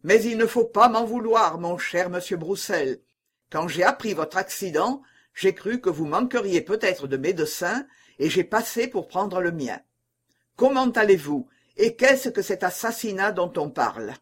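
A man's voice: high-pitched, expressive, a little slow, husky, exaggerated voice. A man reading an audiobook and voicing an eager, gracious prince who fusses over a wounded councillor. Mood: solicitous.

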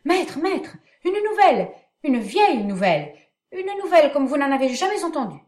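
An excitable young manservant, acted by a woman, bursts out in breathless exclamations and piled-up lists. The pitch leaps about in stage-comedy fashion, in an echoey room. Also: normal speed, close to an everyday voice. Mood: excited. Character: excitable young male servant bursting with comic news. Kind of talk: dramatic reading of a classic stage comedy.

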